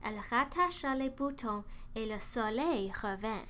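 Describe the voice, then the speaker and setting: A woman reading a children's storybook aloud, slowly, clearly and carefully. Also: fairly high pitch, lively intonation, a bit bright, a little hiss or hum. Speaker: narrator.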